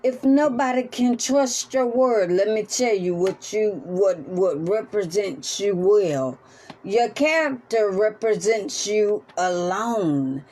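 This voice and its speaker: A woman's voice: medium pitch, darkish tone. A woman mukbang vlogger talking to camera from her room as she eats, giving preachy advice with religious asides. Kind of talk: casual talk to camera while eating.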